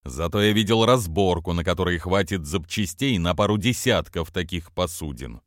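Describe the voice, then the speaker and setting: A male reader voicing a blunt, wry undercover agent who speaks patiently with gruff asides. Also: deep voice, normal speed, dry recording, clean studio sound, close to an everyday voice. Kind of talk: audiobook character voicing.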